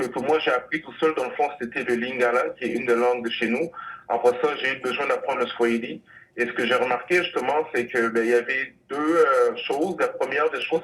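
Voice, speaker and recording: A man's voice: mid-range voice, fairly bright tone, recorded from a distance, rough recording. A man from Congo, director of a language school, answering radio interview questions with many fillers and restarts.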